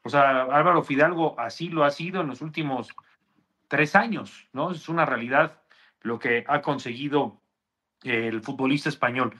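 A man's voice: medium pitch, normal speed, pushed and bright. A man with a Mexican accent hosting a sports show, giving informal, opinionated commentary.

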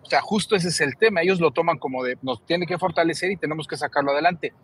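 A man's voice: fairly high pitch, fast talker, a bit bright, a little hiss or hum. A Mexican man co-hosting a football panel, laying out his analysis and teasing his colleague. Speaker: sports show co-host. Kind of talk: heated panel debate.

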